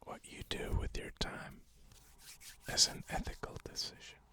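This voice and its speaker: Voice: measured pace, sharp tone. A person whispering an ASMR pep talk of positive affirmations, repeating short phrases. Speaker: ASMR host.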